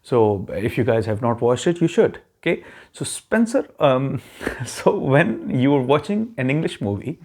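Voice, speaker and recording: A YouTube host who gives immigration advice explains a test strategy to viewers in a casual way, checking in with "okay" often. He has a mid-range, very animated, darkish voice, speaks a little slowly, calls his English not very fluent, and has a neutral accent.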